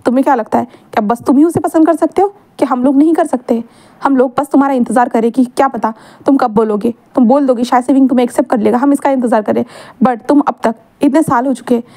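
A cocky young man fires teasing questions at his friend, as a woman reads him. His voice sits high and soft, with a bold, challenging edge. It sounds like an everyday storybook reading. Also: quick pace.

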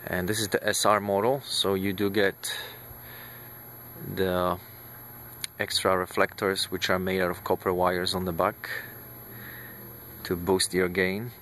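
A man filming himself on a handheld phone outdoors in a small backyard, casually showing off his gear in an unhurried way with many pauses and fillers. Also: sits low, level tone, a bit bright, slight background noise. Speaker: amateur radio hobbyist. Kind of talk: casual show-and-tell. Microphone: handheld phone camera, shaky video.

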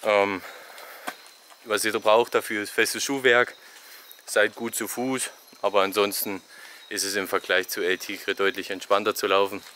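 Walking through a rainforest park, a young man films himself at arm's length and chats easily, offering travel advice as he goes. His voice sits fairly low, his pace is moderate, and there's a faint hiss or hum on the recording.

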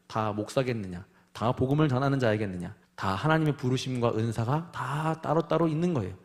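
A male preacher delivering a sermon, acting out voices in dialogue and dropping to soft, quiet endings after raised lines. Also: medium pitch. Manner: animated, acts out God and Moses in dialogue.

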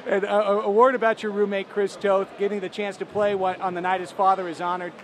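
A man interviewing players and a coach on an arena floor after a game, asking brisk questions full of stats. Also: high-pitched, little pitch movement, slight background noise. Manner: brisk, stat-heavy questions. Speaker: sports reporter. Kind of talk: postgame field interviews. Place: indoor soccer arena floor.

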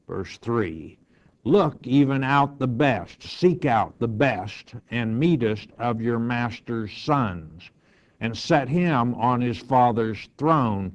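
A man's voice: medium pitch, lo-fi sound. A male pastor teaching verse by verse, reading scripture aloud and then explaining it in plain words.

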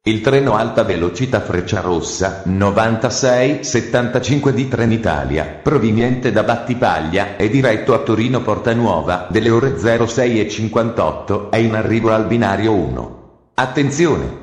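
Man, train station announcement, fairly low voice, measured, echoey hall. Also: animated. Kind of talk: formal scripted announcement.

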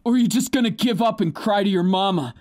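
A man's voice: high-pitched, fast talker, darkish tone, no echo, natural voice. A man voicing a cocky, villainous teenage boy in a fan audio drama, taunting and menacing, at times stammering as he feigns nerves. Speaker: voice actor.

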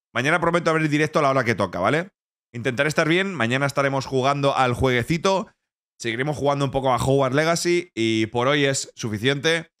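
A man's voice: medium pitch, sharp tone. A man from Spain streaming live, chatting casually and joking, with playful mock-French and bits of other languages. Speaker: Twitch streamer.

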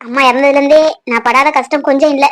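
A woman voicing a tender, orphaned young village woman in a cartoon, speaking softly and shyly on the phone. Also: high voice, steady tone, fast talker. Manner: soft, shy, emotional. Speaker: bride-to-be on the phone.

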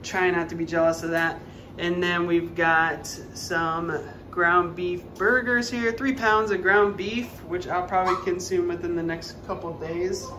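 A man's voice: sits high, steady tone, measured pace, background noise. A young man vlogging at home, chatting upbeat and directly to his viewers. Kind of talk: casual chat to camera. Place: home, indoors, living room and kitchen.

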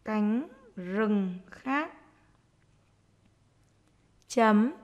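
Speaking in a mid-range voice with lively intonation, a woman teacher dictates to young primary pupils at a very slow pace. She gives short phrases one word at a time and says each one again.

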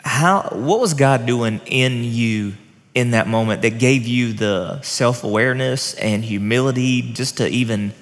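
On a church stage furnished with armchairs, a man in his thirties who is a pastor chats with a colleague, conducting a relaxed, friendly interview through a headset mic. His mid-range voice is unhurried, and the big hall adds long reverb.

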